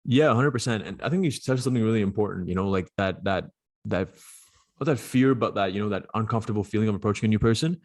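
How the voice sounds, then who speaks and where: A young man in his twenties from Dubai, a podcast guest talking casually and quickly with plenty of fillers. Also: on the low side, a little mellow, dry recording, studio quality. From Dubai, UAE. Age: 20s. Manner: rapid, chatty, frequent fillers. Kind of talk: casual interview conversation.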